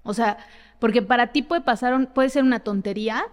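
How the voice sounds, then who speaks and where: A woman psychotherapist, explaining in a lively way and acting out examples in casual conversation. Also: on the high side, fairly quick, big-room sound. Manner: animated, explains with acted-out examples. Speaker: psychotherapist guest. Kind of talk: conversational advice in a podcast.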